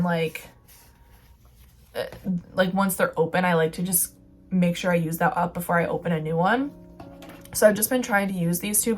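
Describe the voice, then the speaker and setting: A young woman vlogger chatting casually about beauty products, rambling with lots of filler words. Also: medium pitch.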